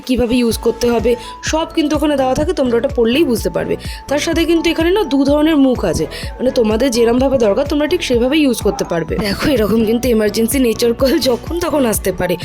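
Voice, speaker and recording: Brief: young woman travel vlogger, Bengali accent, rapid chatty delivery, slightly high voice, light music behind. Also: warm tone. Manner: chatty, addresses viewers directly. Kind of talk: casual travel vlog chat.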